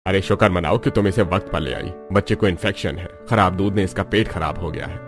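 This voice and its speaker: A man's voice: low-pitched, a little fast, music in the background, natural voice. A man voicing a stern doctor who speaks in a grave, matter-of-fact way. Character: stern male doctor, relieved.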